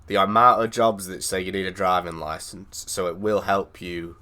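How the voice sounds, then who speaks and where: A man chats on a live stream, blunt and full of swearing as he rants. His voice sits a little low but comes across bright and forceful. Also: fairly even intonation, moderate pace. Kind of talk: casual chat on a live stream.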